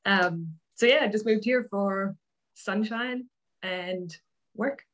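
An Irish woman in her thirties chats as a podcast guest, open and self-mocking, with laughter breaking into her talk. Her pitch sits in a middling range for a woman. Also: slow pace, a bit bright, low-quality recording. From Ireland. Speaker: guest life coach. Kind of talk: casual podcast chat.

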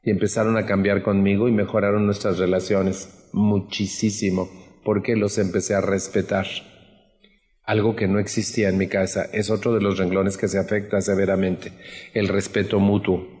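A man's voice: on the low side, flat delivery, moderate pace, darkish tone. Mexican man speaking in a reverberant hall. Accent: Mexican Spanish. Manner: earnest, asks the audience questions. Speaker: speaker at a support group meeting. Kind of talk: personal testimony talk to an audience.

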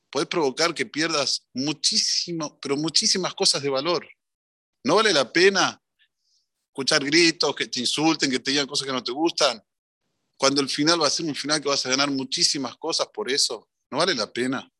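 A man with an Argentine accent, a religious teacher giving an animated storytelling sermon. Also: on the high side, moderate pace, no echo, clean studio sound. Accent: Argentine Spanish. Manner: animated, swings between voices.

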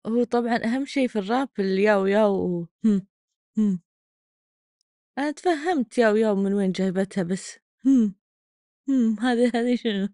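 A woman's voice: medium pitch, fairly quick, long pauses, warm tone, no echo, clean studio sound. A woman hosting a podcast, commenting on clips in a mocking, exasperated way. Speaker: podcast host reacting to clips. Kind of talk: sarcastic commentary.

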